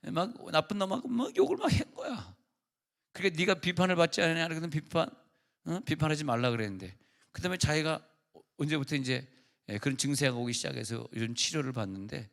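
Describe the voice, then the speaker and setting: A man preaching to a congregation at a church revival service. He tells stories in a loose, conversational way and acts out quotes as he goes. His voice sits in an ordinary middle pitch. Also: vocal fry. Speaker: pastor. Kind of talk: sermon.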